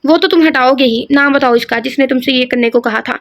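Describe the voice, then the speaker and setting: A woman voicing a violent young male gangster, harsh and commanding, as she reads a novel aloud. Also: high-pitched. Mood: menacing.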